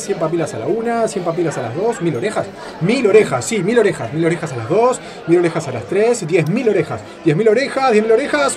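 A man voicing a brash auctioneer who chants bids loudly in a surreal audio drama. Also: sits high. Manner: loud, chanting, repetitive bidding calls. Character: brash, rapid-fire male auctioneer.

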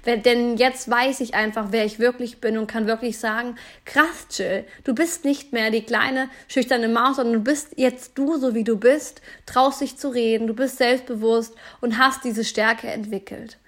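A woman's voice: on the high side, steady tone, normal speed, hardly any pauses, a bit bright. A woman hosting a motivational podcast, speaking earnestly and encouragingly straight to the listener, with fillers and restarts. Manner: many fillers and restarts, spontaneous. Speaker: podcast host.

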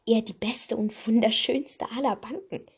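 A woman voicing a brisk, matter-of-fact wizarding mother. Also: a little high, breathy edge.

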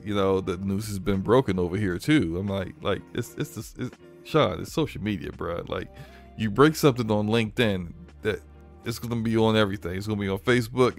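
Male podcast host, fairly low voice, casual and animated, faint music underneath. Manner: animated, laughing, many restarts. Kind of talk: casual gaming news chat.

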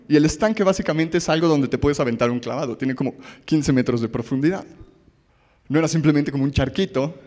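Speaking in a mid-range, slightly mellow voice, a man from Mexico preaches a relaxed, humorous sermon in a Mexican Spanish accent. He tells stories, keeps a conversational tone, and asks the audience questions, while a long reverb tail trails his words.

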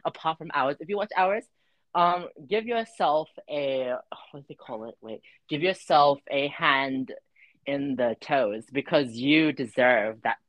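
A woman's voice: sits low, unhurried, dry recording, muffled recording. A woman co-hosting a chaotic casual chat, giggling, rambling and teasing her friend with the odd swear. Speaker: co-host.

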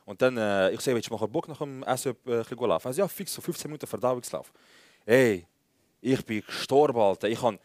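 Young Swiss German guy, co-host, rapid-fire slangy storyteller, dry close sound. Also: mid-range voice, no room sound. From Switzerland. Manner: animated anecdotes acting out dialogue, slangy. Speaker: podcast co-host. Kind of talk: live comedy podcast storytelling.

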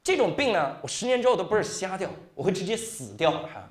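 A young man performing a stand-up comedy set on stage, telling stories in an animated way and tagging his lines with quick asides. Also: high-pitched. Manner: animated storytelling with frequent tag 哈 and 是吧. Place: comedy stage before a live audience.

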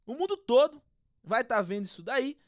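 A performer playing an aggrieved, pious football star lamenting loudly in an interview. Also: medium pitch, very animated, normal speed, no room sound, studio quality, natural voice. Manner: loud, lamenting post-match interview delivery.

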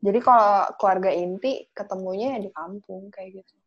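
A young woman chats casually in Jakarta slang, with English words mixed in. Her accent is Jakarta Indonesian and her pitch is mid-range. The recording sounds slightly dull and lo-fi. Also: normal speed. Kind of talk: casual chat.

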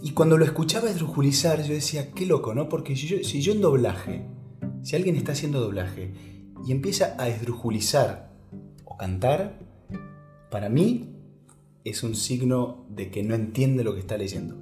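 A man in his thirties with an Argentine accent, a voice actor talking in a relaxed interview, reflective and often restarting his sentences. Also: mid-range voice. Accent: Argentine Spanish. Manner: reflective, halting with many restarts. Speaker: voice actor guest. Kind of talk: casual interview chat. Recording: echoey room with faint music.

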